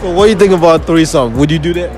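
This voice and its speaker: A man's voice: fairly high pitch, rapid-fire, darkish tone, faint music behind. Young man quizzing shoppers in a mall. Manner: teasing, probing questions. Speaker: street interviewer. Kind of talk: casual street interview. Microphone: handheld mic.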